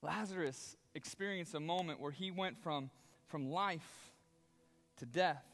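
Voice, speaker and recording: A man preaching a sermon as a pastor, telling the story in a conversational, animated way. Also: on the high side, a little slow, faint music behind. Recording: long reverb of a large hall.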